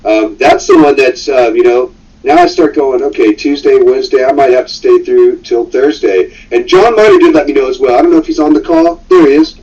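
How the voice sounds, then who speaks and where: A man's voice: medium pitch, lively intonation, fairly quick, darkish tone, husky. A man chatting casually on a call, hesitant with many fillers and restarts. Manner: hesitant, lots of ums and restarts. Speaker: guest caller on a stream. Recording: dull, distant call audio with faint music.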